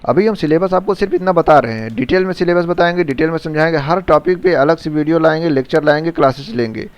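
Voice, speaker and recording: An earnest man explains an exam syllabus in a direct, teacherly way. His voice sits a little high and sounds smooth and clear. It is recorded close on the mic in a dry room. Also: fast talker, no echo. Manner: earnest and direct, addresses viewers as friends.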